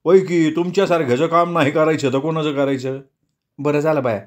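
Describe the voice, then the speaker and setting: A man's voice: a little high, fairly even intonation, brisk, natural voice. A man voicing a timid, nervous police constable who hesitates and pleads, in a story reading. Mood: wheedling.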